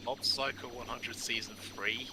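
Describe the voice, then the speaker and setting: A man's voice: medium pitch, steady tone, unhurried, pushed and bright, a little hiss or hum, low-quality recording. A young man streaming a game, chatting casually and rambling with many restarts and casual swearing. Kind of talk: casual chat while gaming.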